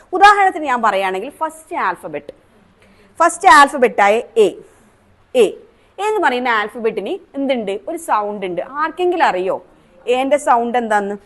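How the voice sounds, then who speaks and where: A woman's voice: sits high, a bit bright. A woman Montessori trainer with a Kerala accent, teaching a teacher training class and asking the trainees questions. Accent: Malayali, Kerala. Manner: asks the class questions, demonstrates sounds.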